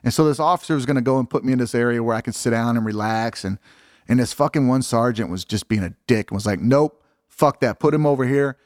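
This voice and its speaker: A man's voice: medium pitch, fast, no echo, clean studio sound. Candid, swearing man telling his story. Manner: candid, profane, lots of fillers. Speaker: interview guest. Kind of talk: casual storytelling.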